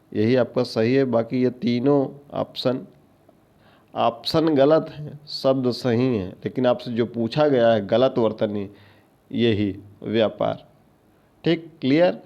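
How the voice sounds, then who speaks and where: A male teacher going through exam questions, repeating each answer word several times and checking in with a rising "ठीक है" after each point. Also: mid-range voice. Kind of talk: exam-prep lecture. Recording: dull lo-fi lecture recording.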